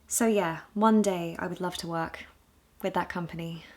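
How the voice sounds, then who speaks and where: A woman from the UK in her twenties, talking candidly and with self-deprecating humor in a casual vlog, her voice a little hoarse. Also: on the low side, fairly even intonation, normal speed. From United Kingdom. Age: 20s. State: hoarse, low on voice. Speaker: vlogger.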